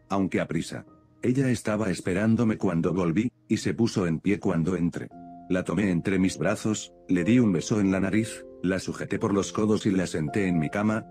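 A man calmly narrating a science fiction audiobook in the first person. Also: low voice. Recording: background music under the narration.

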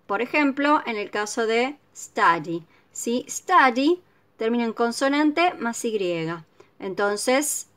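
A woman teaching a recorded video lesson, her voice sitting a little high. She explains step by step at an unhurried, patient pace, pausing often to ask whether her students follow. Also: expressive, a bit bright. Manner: patient, explanatory, keeps checking with "¿sí?". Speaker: English teacher.

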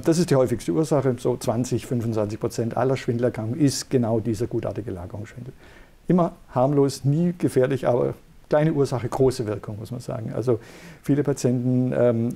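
A man's voice: mid-range voice, vocal fry, warm tone. A middle-aged man, a neurologist, patiently explaining in an interview. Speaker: neurologist guest.

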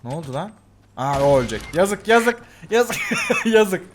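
Lively, high-voiced man reacting to game clips. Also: measured pace, background noise. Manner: laughs often, exclaims and repeats himself. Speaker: gaming video host. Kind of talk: casual commentary over game clips.

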